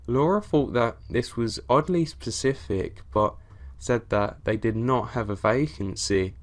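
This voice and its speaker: A man reading out scripted horror stories in a steady, even storytelling delivery. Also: medium pitch. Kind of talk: scripted narration of reader stories.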